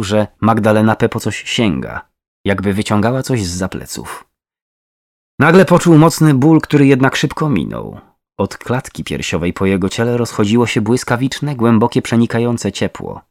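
Low-voiced male true crime narrator. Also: a little mellow, no echo, clean studio sound. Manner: dramatic, tense narration.

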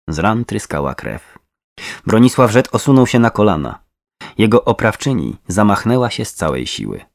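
Male true crime narrator, low and expressive, dry close recording. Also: vocal fry, no room sound. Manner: dramatic, tense narration.

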